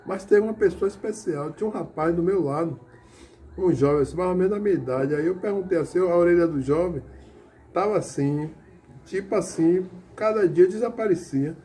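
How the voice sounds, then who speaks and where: A man's voice: sits high, fairly quick, warm tone. A middle-aged man gives a personal testimony at a church service. He tells his story earnestly and keeps calling his listeners brother. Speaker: church member giving testimony.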